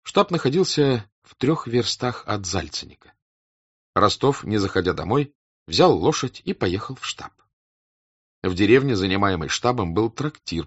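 A man reading a classic novel aloud as an audiobook narrator, in a measured, expressive way. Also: lowish voice, husky, no echo. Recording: dull dry close recording.

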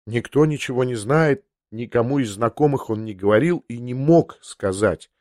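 A man voicing a quiet, proud young woman, the tearful sister in an audiobook, speaking softly and low. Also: moderate pace, no room sound, clean studio sound, lightly acted. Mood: defensive. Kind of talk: audiobook character voice.

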